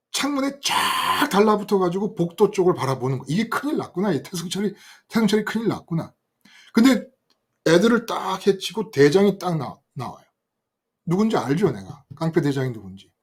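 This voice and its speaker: An older man preaching a sermon, telling a story from his youth in an animated way and speaking directly to his listeners. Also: high-pitched, husky. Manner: animated, acts out quoted voices and addresses listeners directly. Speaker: pastor.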